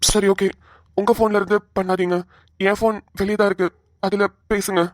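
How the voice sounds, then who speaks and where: A woman voicing a calm, reassuring young male police officer in a cartoon. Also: medium pitch, normal speed, dry recording, studio quality, pitched below the performer's own voice, close to an everyday voice. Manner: steady, reassuring. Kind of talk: cartoon voice acting.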